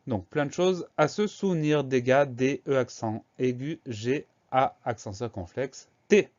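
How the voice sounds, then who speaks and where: A man's voice: mid-range voice, a little slow, darkish tone. Man, spelling lesson, patient teacher, letter by letter, slightly dull recording.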